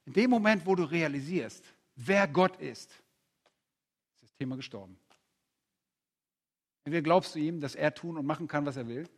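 Husky, high-voiced male preacher. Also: normal speed, long pauses. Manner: animated, with rhetorical questions to the crowd; acts out quoted voices. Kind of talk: conference sermon.

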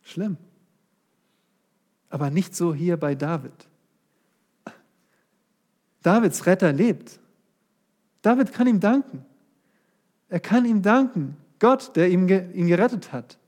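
Slow-paced preacher, higher male voice. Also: lively intonation, a little mellow. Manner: addresses the congregation directly, rising voice on key words. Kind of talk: sermon with scripture reading.

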